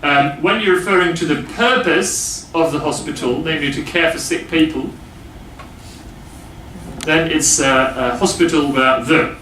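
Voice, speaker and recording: A man teaching English grammar to a class, explaining slowly with many pauses and fillers. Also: fairly high pitch, pushed and bright, a little hiss or hum. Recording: echoey classroom from far off.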